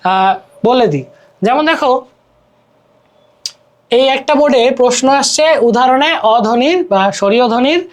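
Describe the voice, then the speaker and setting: A young man with a Bangladeshi Bengali accent teaching an exam-prep grammar lesson, explaining step by step and repeating words while asking checking questions. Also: very high voice. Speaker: tutor.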